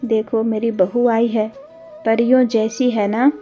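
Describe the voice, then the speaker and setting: A woman voicing a gentle, loving elderly village mother who speaks humbly and tenderly. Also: a little high, little pitch movement, slow, soft background music.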